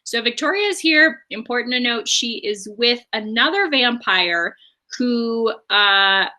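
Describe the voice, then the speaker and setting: A woman's voice: a little high, expressive, measured pace, bright, forceful tone. A woman co-hosting a book podcast, recapping chapters in a chatty way with frequent fillers. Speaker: podcast co-host. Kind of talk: casual book discussion.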